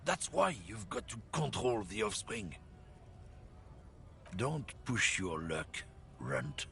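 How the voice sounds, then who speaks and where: Brief: a sneering bigot in a video game, gravelly, heavy accent, swooping lectures. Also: male voice, on the low side, big pitch swings, takes it slowly, pushed and bright, full character voice. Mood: lecturing. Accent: heavy continental European-sounding accent. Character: bigoted middle-aged man preaching racial superiority, scornful.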